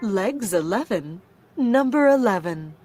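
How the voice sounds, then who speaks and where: A woman calling bingo numbers with their rhyming calls, slow and measured. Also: medium pitch, expressive. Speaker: bingo caller. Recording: loud music playing underneath.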